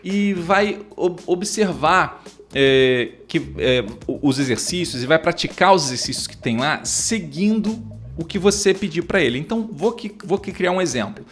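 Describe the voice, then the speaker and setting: A man teaching English walks through lesson steps in a casual, talkative way, full of fillers and restarts, and acts out teacher-student dialogues. His voice is on the high side with lively intonation at a normal speed, and faint music plays behind him.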